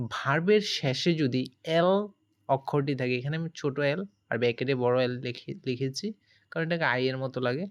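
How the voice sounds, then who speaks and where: A woman's voice: a bass voice, dull audio. Woman teacher spelling out grammar rules. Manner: explains step by step, spells words letter by letter, asks the listener questions. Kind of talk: grammar lesson.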